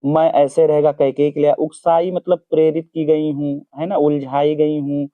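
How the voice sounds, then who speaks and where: Male teacher, slightly high voice, patient dictation pace, dry tinny phone-quality recording. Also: level tone, no room sound. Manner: slow, repeats each meaning for dictation. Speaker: Hindi teacher. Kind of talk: explaining poem word by word. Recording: dry, phone-like narrow sound.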